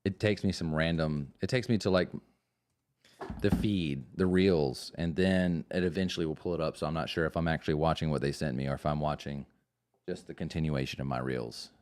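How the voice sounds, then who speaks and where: A man with a very deep, low voice chats loosely on a live podcast. He reads ornate text in a mock-solemn tone, laughing and stumbling over the big words. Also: steady tone, a little fast, darkish tone. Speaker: podcast co-host. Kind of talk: casual live podcast chat, mock-solemn reading aloud.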